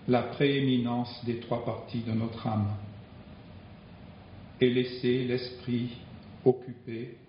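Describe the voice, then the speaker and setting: A man preaching a sermon in slow, deliberate phrases with long pauses. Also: medium pitch, roomy sound, lo-fi sound, a little hiss or hum.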